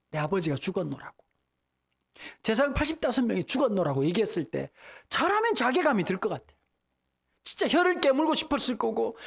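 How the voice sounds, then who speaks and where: A man from Busan delivers a revival sermon as guest pastor, his pitch leaping from low murmurs to high cries. He is emphatic and humorous, and bursts into sudden shouts when he acts out prayers. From Busan, South Korea.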